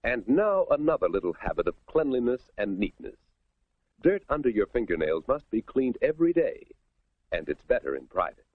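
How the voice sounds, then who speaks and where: Male 1950s film narrator, American, folksy instructor, animated and a bit rough, tinny vintage soundtrack. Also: mid-range voice, moderate pace. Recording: thin, band-limited vintage film soundtrack.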